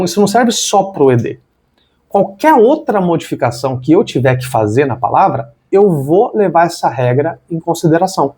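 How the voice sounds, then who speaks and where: Guy teaching english, bouncy voice, bit husky, spells words out slowly. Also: a little high, darkish tone. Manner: explains step by step, spells words out letter by letter. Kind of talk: online language lesson.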